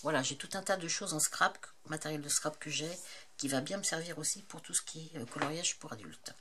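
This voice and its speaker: A woman in a casual show-and-tell vlog about her craft supplies, chatty and hesitant, often pausing with fillers. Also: low-pitched, crowd noise. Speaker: craft vlogger.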